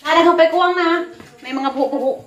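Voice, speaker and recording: A woman's voice: very high-pitched, fast talker. A woman chatting casually to the camera in a home vlog, laughing often. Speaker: vlogger.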